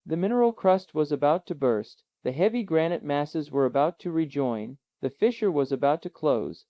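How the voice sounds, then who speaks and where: A man reading a classic adventure novel aloud in a measured, dramatic narration. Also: on the high side, animated, no echo. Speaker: audiobook narrator. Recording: dull, lo-fi, dry.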